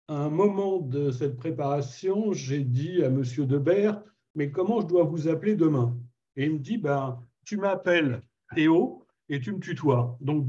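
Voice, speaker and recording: Male host, slightly raised pitch, mellow tone, polite and measured; muffled lo-fi recording. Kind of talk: formal introduction and interview questions. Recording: dull lo-fi recording.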